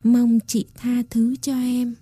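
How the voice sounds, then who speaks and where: A woman reading a story aloud and voicing a gentle, devoted Buddhist nun in a soft, pleading tone. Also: fairly high pitch, monotone, slow, husky, dry recording, studio quality. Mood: tender, pleading.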